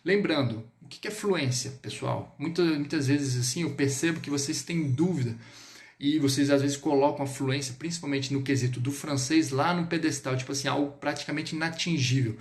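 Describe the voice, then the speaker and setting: Lively Brazilian man teaching French. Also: fairly high pitch. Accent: Brazilian Portuguese. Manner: lively, drills words slowly, switches between two languages. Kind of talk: online language lesson.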